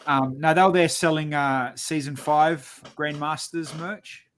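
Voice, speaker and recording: A man's voice: a little high, steady tone, a little slow, fairly bright tone, a little hiss or hum. A man chatting casually and informally as host of a hobby show. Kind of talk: casual chat.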